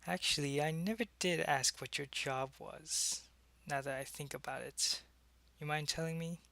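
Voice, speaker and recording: In an intimate ASMR roleplay aimed at the listener, a man plays a loyal, secretive, soldierly alien changeling spy passing as human. His fairly high voice has a gravelly edge and a bright, forceful tone, and he speaks in a matter-of-fact, conversational, halting way, as if confiding in one person. The recording is very dry.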